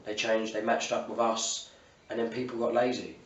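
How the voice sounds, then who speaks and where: Male football manager, south-east English British accent, low matey voice, interviewed on a distant mic. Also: level tone, normal speed, lo-fi sound. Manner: colloquial, matey, with frequent "you know". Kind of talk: post-match interview. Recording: roomy, distant mic, faint ambient noise.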